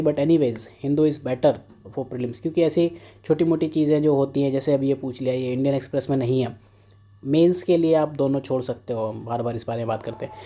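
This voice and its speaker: A man's voice: on the high side, dark tone. A young man teaching a casual exam prep lesson, mixing Hindi and English with joking asides. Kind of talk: casual current affairs lesson.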